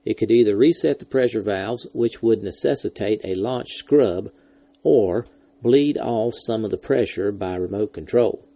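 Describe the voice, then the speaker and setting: A man hosting a podcast, telling history in a steady, measured scripted narration. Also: fairly low pitch, no room sound. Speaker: podcast host.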